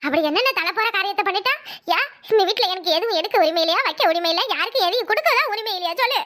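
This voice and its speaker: A woman voicing a scheming, sharp-tongued young sister-in-law in a Tamil cartoon, speaking with a Kanyakumari Tamil accent. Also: animated, racing. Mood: indignant. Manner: shrill, quarrelsome, fake-tearful.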